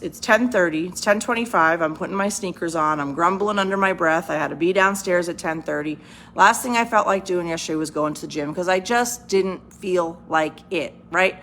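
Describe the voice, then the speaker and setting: A woman's voice: lowish voice, gravelly, a bit bright, a little hiss or hum. A woman vlogger talking casually to camera from home, chatty and rambling, often checking in with "right?". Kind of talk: casual motivational talk to camera. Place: home, on the couch.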